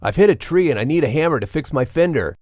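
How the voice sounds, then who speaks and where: A man's voice: mid-range voice, a little fast, a little mellow, dry recording, clean studio sound, close to an everyday voice. A man voicing Duke, an urgent stranded driver. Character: stranded truck driver, an ordinary puzzled man.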